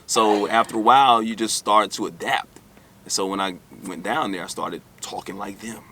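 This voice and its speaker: An interview guest from the United States, New York-born and Alabama-raised, shares candid personal stories conversationally, frequently looping back and repeating himself. His voice is lowish, steady and fairly bright at a moderate pace, with slight background noise.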